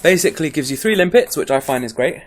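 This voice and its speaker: Man, slightly high voice, casual game tutorial, chatty, rambling, caffeinated. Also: animated, fast. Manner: rambling, chatty, many ums and restarts; caffeinated, pepped up. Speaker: game guide presenter. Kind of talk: casual gameplay tutorial commentary.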